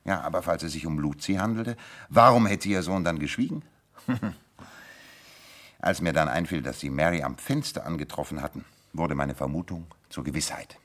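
An actor playing Sherlock Holmes as a confident, sharp-witted detective in a radio play, theatrical and self-assured. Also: male voice, a bass voice, moderate pace. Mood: self-assured, explanatory. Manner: theatrical, self-assured, amused chuckles between explanations. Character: confident, sharp-witted male detective explaining his deductions.

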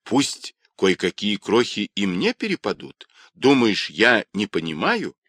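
A man's voice: lowish voice, huge pitch swings, unhurried, fairly bright tone, no room sound, studio quality, full character voice. A man voicing a cheeky, poor young boy who hustles for coins, talking brashly and defiantly. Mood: wheedling. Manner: pleading, then brash and defiant.

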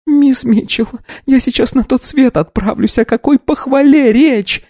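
A young woman in the pain of labor, as a woman reader acts her out, her voice pushed high and strained. She pleads and cries out in short bursts. The recording is dry and close, with a mellow tone. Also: unhurried, no echo. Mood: strained, desperate. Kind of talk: audiobook reading.

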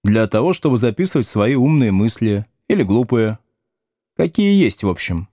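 A man's voice: mid-range voice, sing-song, normal speed, warm tone, no echo, clean studio sound. A man reading the part of a young male schoolteacher who speaks in curt, commanding sentences. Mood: dry, stern.

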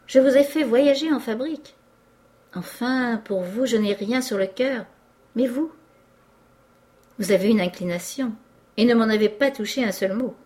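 A woman voicing a shrewd, exuberant old male cloth merchant who talks in a hearty, animated, lecturing way. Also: fairly high pitch, moderate pace, pauses often, voice pushed up, natural voice.

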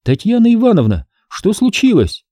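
A man reading an audiobook voices a lively, artless young woman helper in a raised, excited voice. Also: medium pitch, moderate pace, no room sound, studio quality, pitched above the performer's own voice.

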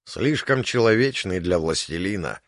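A man narrating an audiobook, expressive and storytelling. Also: sits low, moderate pace, no room sound, studio quality. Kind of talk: scripted narration.

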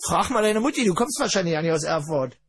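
A male radio host talking fast in a studio, ranting with mock outrage at a caller. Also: high voice, lively intonation, breathy edge, no echo. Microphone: studio mic with headphones.

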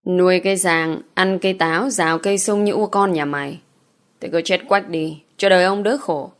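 Drunken village father, cursing and threatening, lowish voice, read by a woman. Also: fairly even intonation, normal speed, natural voice. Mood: scornful.

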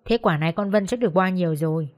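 A woman's voice: fairly low pitch, quick pace, a little mellow, lightly acted. A woman voicing a spiteful, jealous hostess who sneers and taunts in an audiobook story. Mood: tattling.

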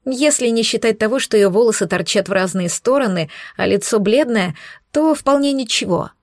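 Женщина читает фэнтези от первого лица. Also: female voice, on the high side, normal speed, no room sound, studio quality. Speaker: audiobook narrator. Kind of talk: first-person fantasy narration.

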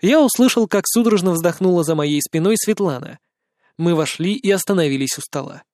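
A man narrating a first-person audiobook in an expressive, dramatic storytelling manner. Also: sits high, a little fast, a little hiss or hum.

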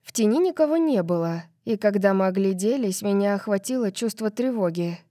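A woman narrating a first-person fantasy audiobook in a steady, measured way. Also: mid-range voice, no echo, studio quality.

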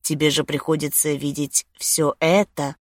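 A woman's voice: sits low, flat delivery, unhurried, no room sound, studio quality. A woman playing a smug, seductive man. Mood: teasing.

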